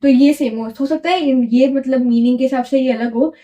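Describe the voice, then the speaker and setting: A woman's voice: sits high, fairly quick, warm tone, lo-fi sound. A woman teaching French grammar, explaining step by step, repeating each key word and asking the learner to echo it back, and mixing English words into her Hindi. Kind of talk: classroom-style lesson explanation.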